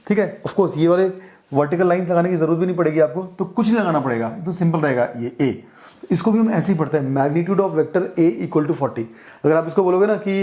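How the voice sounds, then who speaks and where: Indian guy teaching physics, kinda higher voice, goes step by step, keeps checking you got it. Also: mellow. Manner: explains step by step, mixing English terms into Hindi, checks in often. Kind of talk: classroom-style lecture.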